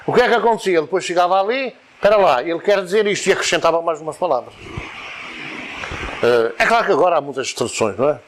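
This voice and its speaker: A man's voice: on the high side, lively intonation, fast talker, a little hiss or hum. A man with a European Portuguese accent giving an informal spoken lecture to a study group, wandering between points, repeating words and explaining with examples.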